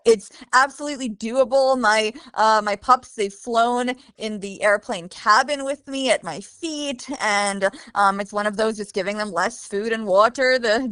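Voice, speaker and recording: A woman from Bosnia talks through her experience as a guide dog handler, informative and thorough, with plenty of ums along the way. Her voice sits fairly high and the sound is dry and close. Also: a bit bright, clean tone, no echo. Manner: informative, detailed, frequent fillers. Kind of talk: conversational interview.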